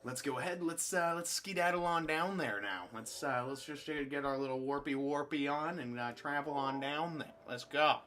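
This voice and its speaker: Excitable man chatting over gameplay. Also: fairly high pitch, moderate pace, hardly any pauses, rough recording. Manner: chatty and excitable, many restarts. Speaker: game commentator. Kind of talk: casual let's play commentary.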